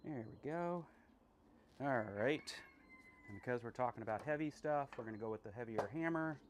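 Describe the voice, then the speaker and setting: A man's voice: medium pitch, moderate pace, slight background noise. A man talking casually while he works at a forge, chatty and self-deprecating, thinking aloud with many ums and uhs. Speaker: blacksmith streamer. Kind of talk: casual talk while working. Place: blacksmith workshop.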